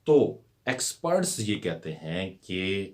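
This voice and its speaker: A man gives an unhurried lesson, his voice sitting fairly low. He takes his time, repeating words one by one and dropping English terms into his explanation. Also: sing-song, darkish tone. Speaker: English teacher.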